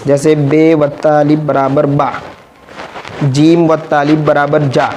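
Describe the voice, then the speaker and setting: Slow, flat-voiced man teaching letters. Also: fairly high pitch, a little hiss or hum. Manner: patient, repeats letters and syllables one by one. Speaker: Urdu reading teacher. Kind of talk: slow spelled-out reading lesson.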